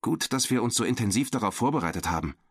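Male narrator as agreeable teen schoolboy, matter-of-fact, animated, dry close read. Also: lowish voice, fast, husky, dry recording, pitched above the performer's own voice. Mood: agreeing. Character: teenage schoolboy sailor, agreeable and steady. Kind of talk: audiobook character voice.

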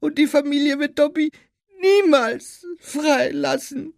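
A man voicing a small, servile male house-elf with a piercing squeaky voice who calls everyone sir. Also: takes it slowly, creaky, dry recording, clean studio sound, heavily acted. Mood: anxious. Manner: calls everyone sir, refers to himself by name.

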